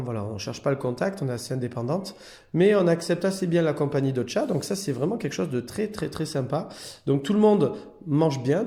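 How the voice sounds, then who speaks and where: A man's voice: mellow, roomy sound. A man who runs a cat hotel, chatting casually through a vlog and now and then cooing at the cats. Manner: chatty, talks baby-talk to the cats in a higher voice.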